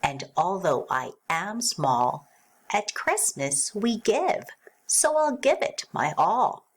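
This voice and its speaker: A woman voicing a small, plucky, cheerful male cat from a storybook, exclaiming in a slow sing-song. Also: fairly low pitch, very animated, breathy edge, full character voice. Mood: determined.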